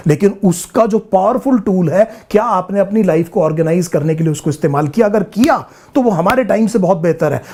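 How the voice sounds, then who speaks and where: Mellow-voiced middle-aged teacher. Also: male voice, a little high, creaky. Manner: asks rhetorical questions, repeats phrases for emphasis; drawn-out, deliberate English phrases. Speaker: biology teacher. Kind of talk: Hindi-English exam-prep lecture.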